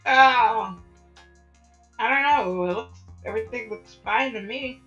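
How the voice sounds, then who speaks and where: A woman's voice: fairly high pitch, unhurried, a bit bright, soft background music. A woman chatting casually on a live stream, her voice coming through voice chat with a robotic, metallic distortion. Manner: rambling, easygoing, trails off into fillers. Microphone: voice chat over a computer. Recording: dull lo-fi online call audio.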